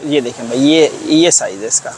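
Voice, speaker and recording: A man's voice: mid-range voice, lively intonation, normal speed, darkish tone, a little hiss or hum, poor audio. A man hosting a shop-visit vlog, answering with short approving remarks and repeating prices back. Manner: constant short approving replies. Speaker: vlog host. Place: bedding shop.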